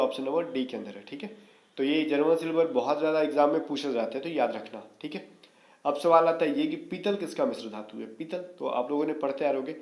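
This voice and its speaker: A man with a fairly high, slightly mellow voice teaches an exam-prep lesson in a reverberant space. His style is casual coaching, and he keeps checking in with students using frequent "theek hai."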